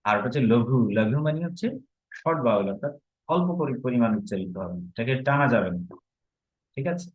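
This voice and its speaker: A Sanskrit teacher from Bangladesh walks his class through a grammar lesson step by step, posing rhetorical questions. His husky, expressive voice is medium-pitched and fairly quick, captured on a slightly dull, lo-fi recording.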